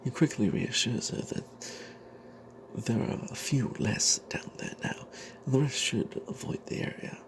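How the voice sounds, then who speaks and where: A man in the role of a wry, suspicious adventuring cleric tells a fantasy story through breathy, hushed ASMR whispers, pausing as he goes. His pitch is medium, and background noise is audible.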